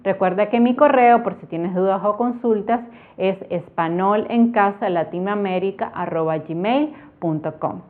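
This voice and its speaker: Woman teaching on a tinny line. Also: medium pitch. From Nicaragua. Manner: slow, careful explanation with spoken examples. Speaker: Spanish teacher. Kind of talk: online grammar lesson. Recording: tinny phone-like sound.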